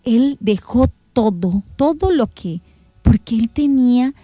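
A woman presenting a religious radio program, retelling Gospel stories and acting out the shouts of the people in them. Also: fairly high pitch, takes it slowly, no room sound, faint music behind. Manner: animated storyteller who acts out shouted quotes. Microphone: studio microphone.

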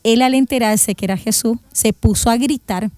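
A woman presenting a religious radio program, retelling Gospel stories and acting out the shouts of the people in them. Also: on the high side, moderate pace, dry recording. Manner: animated storyteller who acts out shouted quotes. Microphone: studio microphone.

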